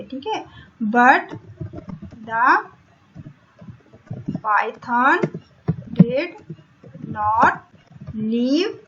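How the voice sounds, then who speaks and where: A woman teacher with an Indian English accent, patiently explaining a school lesson in Hindi and English and repeating words slowly for her pupils. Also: sits high. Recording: dull lo-fi recording, faint hiss.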